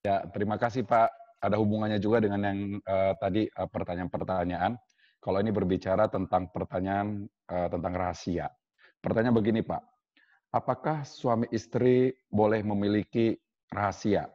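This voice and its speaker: A man's voice: on the low side, fairly even intonation, normal speed. A man hosting a talk show, politely reading viewer questions to the guests. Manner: polite, formal. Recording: dull lo-fi sound with long reverb.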